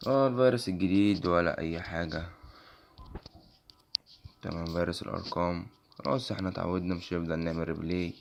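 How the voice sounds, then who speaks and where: A young man with an Egyptian accent and a worn, hoarse voice walks through an app on screen, quickly asking "okay?" after nearly every phrase. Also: low-pitched. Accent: Egyptian Arabic. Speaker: tech channel host. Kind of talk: casual screen-recording walkthrough.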